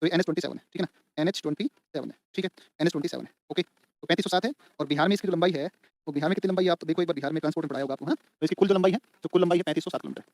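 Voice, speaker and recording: Fast-talking male teacher. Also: on the high side, darkish tone, no echo. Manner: repetitive, drills points for students to write down; colloquial, addresses students as beta and bhai. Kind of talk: exam-prep lecture.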